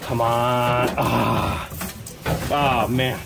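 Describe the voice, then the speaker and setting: A man in his thirties hosting a vlog, talking excitedly and joking while he opens boxes in a metal storage unit, handheld camera nearby. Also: medium pitch, drawn-out words, vocal fry, heavy background noise. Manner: eager, joking, talks while working with his hands. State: sweating. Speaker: vlog host. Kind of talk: excited casual chat while unboxing.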